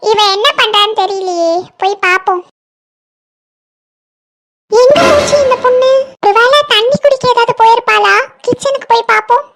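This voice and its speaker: A woman's voice: moderate pace, gravelly, long pauses, a bit bright, slight background noise, full character voice. A woman voicing a fussy, nervous middle-aged housewife in a cartoon, talking in a fretful, whiny way. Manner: high-pitched, fretful, whiny lamenting. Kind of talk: cartoon voice acting.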